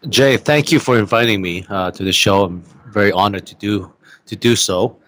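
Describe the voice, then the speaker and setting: A man from Hong Kong and the Bay Area, answering interview questions about venture investing in a halting way, with many fillers and repeated words. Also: fairly low pitch, fairly bright tone. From Hong Kong and the San Francisco Bay Area. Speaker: venture capital guest.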